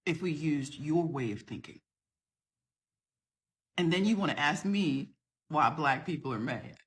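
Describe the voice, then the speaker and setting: A woman's voice: low-pitched, expressive, a little slow, breathy edge. A middle-aged woman from the southern United States, talking to camera in an impassioned, emphatic rebuttal to another video. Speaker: social media creator.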